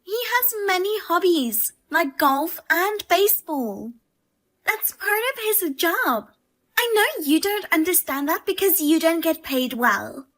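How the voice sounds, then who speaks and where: A woman voicing a pushy, scornful sister-in-law who talks in a sharp, demanding and insulting way. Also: very high voice, expressive, slow pace, pitched above the performer's own voice, heavily acted.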